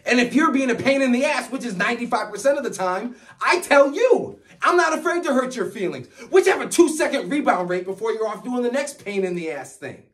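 High-pitched, anguished lover acted by a man, pleading. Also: lively intonation, a little fast, few pauses, fairly bright tone. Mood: frustrated, insistent. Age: middle-aged. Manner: intense, impassioned, emphatic pleading. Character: anguished, pleading male lover confronting the woman he loves. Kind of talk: dramatic movie monologue performance. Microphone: camera a few metres away. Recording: distant mic, roomy camera pickup.

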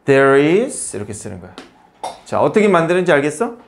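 A man's voice: a little high, big pitch swings, fairly quick, creaky, slight background noise. A man teaching basic English grammar in a casual lesson, explaining patiently in short phrases and asking and answering his own questions.

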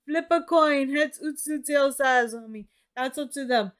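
A woman's voice: high voice, slow. A woman co-hosting a casual livestream, reading out chat with a giggly, playful manner. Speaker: livestream co-host.

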